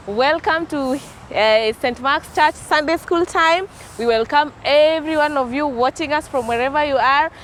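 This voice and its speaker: A woman's voice: sits high, a bit bright. A woman hosting a children's Sunday school, speaking in simple phrases and asking the children questions, recorded outdoors. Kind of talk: presenting to children. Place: outdoors among greenery. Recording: outdoor recording with faint noise.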